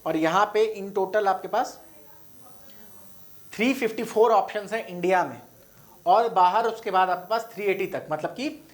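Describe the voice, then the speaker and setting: A man's voice: sits high, moderate pace, pauses often. Male coaching teacher, casual lesson delivery, talks straight to students, reads long lists with stumbles and self-corrections. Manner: casual, direct address to students. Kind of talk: explanatory online lesson.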